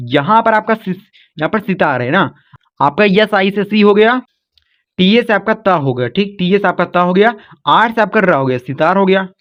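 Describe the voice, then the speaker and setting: A man's voice: sits high, lively intonation, moderate pace. A man teaching a patient, repetitive phonics lesson and calling his viewers children. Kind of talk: classroom-style phonics lesson. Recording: dull lo-fi sound.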